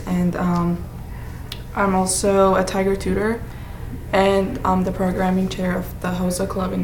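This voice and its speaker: Halting young woman from Iran. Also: fairly low pitch, reverberant, background noise. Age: young adult. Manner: halting, with many likes and ums. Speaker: student guest. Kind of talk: casual interview answers.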